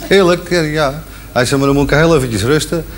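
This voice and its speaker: A man's voice: on the high side, brisk, slight background noise. Man telling jokes, acting out characters. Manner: acts out the characters, shifting his voice up and down. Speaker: joke teller.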